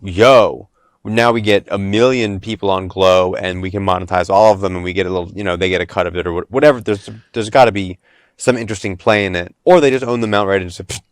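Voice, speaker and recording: A man's voice: low voice, steady tone, quick pace, no echo. A man co-hosting a podcast in casual chat, laid-back and joking with slangy asides. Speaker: podcast co-host.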